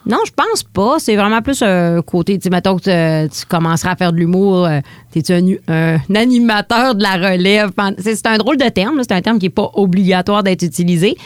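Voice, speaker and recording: A woman in her forties with a Quebec French accent talks as a comedian guest in a relaxed, frank way. Her voice sits in a middle register and the recording is dry and close. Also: medium pitch, fairly quick, no room sound. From Quebec (Lac-Saint-Jean). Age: 40s. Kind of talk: casual interview.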